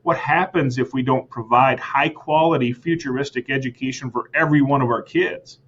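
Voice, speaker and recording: An American man speaks as a school superintendent in a podcast interview. His voice sits at a middle pitch, and the audio sounds slightly dull. He talks earnestly, restating his points and checking in with "right?". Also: moderate pace, fairly bright tone, breathy edge. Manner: earnest, repeats words, tags lines with "right?".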